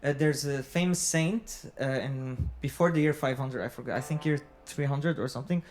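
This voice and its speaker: A man's voice: mid-range voice, moderate pace, a little mellow, slight background noise. A man in casual conversation, explaining things in an informal way. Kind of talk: casual conversation about music and culture.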